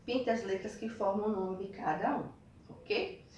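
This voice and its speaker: A woman's voice: medium pitch, unhurried, darkish tone, heavy reverb, far from the mic, slight background noise. A woman from Brazil teaching a video lesson, guiding children through textbook exercises and checking in with frequent tag questions. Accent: Brazilian Portuguese.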